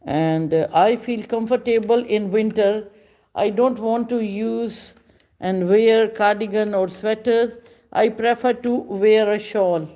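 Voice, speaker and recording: A woman, chatting casually with viewers on a livestream in slow, halting speech with many pauses. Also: mid-range voice, warm tone. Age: 50s. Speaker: livestream host. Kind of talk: casual live chat with viewers.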